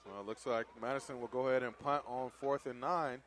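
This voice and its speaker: A man calling play-by-play at a high school football game, brisk and excitable. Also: slight background noise. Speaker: play-by-play announcer.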